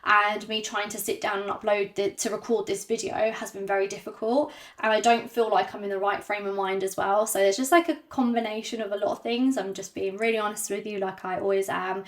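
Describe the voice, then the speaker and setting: A woman's voice: medium pitch, steady tone. Hesitant woman talking to camera. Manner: hesitant, many ums and pauses; candid, self-conscious. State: slightly out of breath. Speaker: YouTuber. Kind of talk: unscripted talk to camera.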